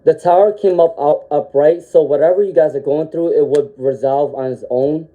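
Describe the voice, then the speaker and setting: Heard through a muffled recording, this medium-pitched voice belongs to a tarot reader who is sniffling through a cold during a live-stream reading. The pace is normal, the tone soft and comforting, and "um" fills the gaps while "okay?" caps most sentences.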